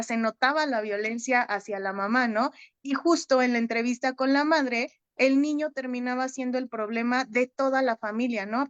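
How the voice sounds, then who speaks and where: Woman therapist, hesitant and smooth. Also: on the high side, a bit bright, dry recording, highs cut off. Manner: hesitant, frequent "¿no?" tags. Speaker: psychotherapist. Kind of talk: film discussion.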